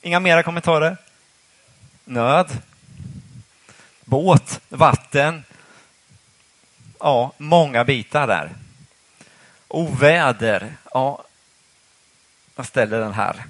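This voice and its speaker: A man's voice: mid-range voice, pauses often, fairly bright tone, no echo. A man preaching a sermon in church, asking the congregation questions in a conversational way.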